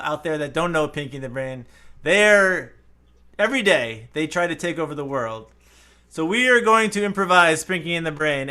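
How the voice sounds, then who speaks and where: A man hosting an improv comedy show, explaining the next game in a jokey, animated way. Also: fairly high pitch.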